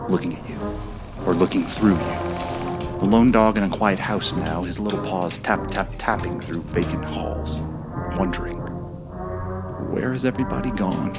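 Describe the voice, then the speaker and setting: Deadpan deep-voiced man narrating. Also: moderate pace, vocal fry, over loud music. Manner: dry, wry and mock-serious. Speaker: filmmaker narrating his own film.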